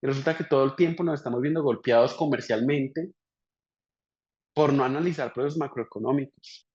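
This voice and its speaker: A man's voice: medium pitch, a little fast, a little mellow. A man lecturing entrepreneurs on business strategy, firing off rhetorical questions and tagging his points with "right?". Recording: dull lo-fi recording.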